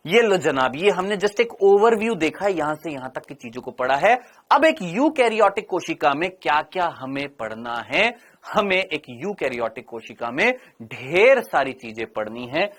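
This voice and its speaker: A middle-aged male teacher giving a biology lecture, asking questions and answering them himself, and drawing out key words slowly. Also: on the high side, sing-song, fairly bright tone. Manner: stretches out key terms slowly.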